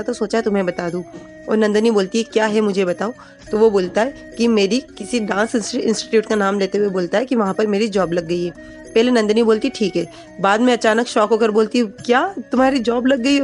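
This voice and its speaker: A woman's voice: mid-range voice, a little mellow. A woman retelling the plot of a TV serial episode in a plain, casual narrating voice, reading the characters' quoted lines without acting them out. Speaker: storyteller recapping a TV serial. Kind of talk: casual spoken recap narration.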